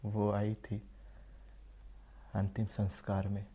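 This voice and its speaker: A man performing an audition monologue as an obsessed young man who kills his family, in an intense, brooding delivery that slowly turns unhinged. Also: fairly low pitch, monotone, mellow, breathy edge. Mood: obsessive. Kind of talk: dramatic monologue.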